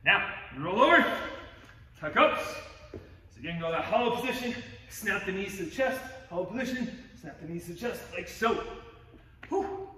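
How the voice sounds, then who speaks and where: Upbeat male fitness coach, winded from demoing moves, high bright voice, distant mic in an echoey hall. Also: animated, moderate pace, long pauses. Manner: upbeat, cues moves with "boom". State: out of breath. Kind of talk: workout instruction demo. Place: gym.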